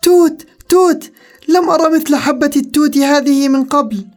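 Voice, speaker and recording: Casting: woman voicing an eager little girl, high and bright-voiced, storybook reading. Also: moderate pace, faint music behind, natural voice. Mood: delighted. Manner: pleading, high and excited.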